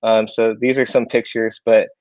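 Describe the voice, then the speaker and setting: A man's voice: fairly low pitch, flat delivery, normal speed, darkish tone, no echo, lo-fi sound. A young man giving a casual webinar presentation in a chatty, upbeat way with plenty of fillers. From born in South Korea, raised in Iowa, USA. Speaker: guest presenter.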